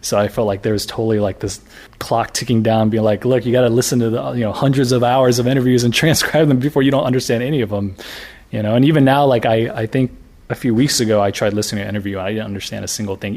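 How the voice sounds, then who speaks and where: An American graphic novelist in his thirties talks fast and casually in an interview, his mid-range voice creaky. He is relaxed and chatty, with many fillers and restarts.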